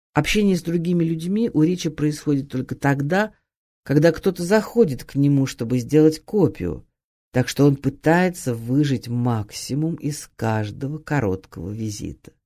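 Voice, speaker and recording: A woman narrates an acting guide in an audiobook read. Her pitch swings widely from line to line, and her timbre stays mellow and soft-edged. She stresses words with clear emphasis. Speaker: audiobook reader.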